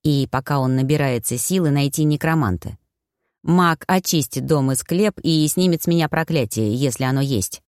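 A woman's voice: sits low, moderate pace, a little mellow, dry recording, clean studio sound, close to an everyday voice. A woman reading an audiobook, voicing a stern, calculating mother who threatens her son and plans ahead. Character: cold, scheming widowed mother.

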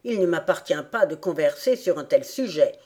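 A woman reading an audiobook, voicing a frightened, indignant male rat in a low voice. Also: expressive, normal speed, dark tone, lightly acted.

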